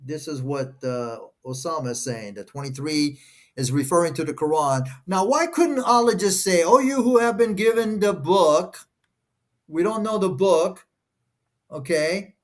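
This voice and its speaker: A Portuguese-native co-host reads scripture aloud at a measured pace, his voice on the high side. He pauses frequently to probe each phrase in a casual discussion.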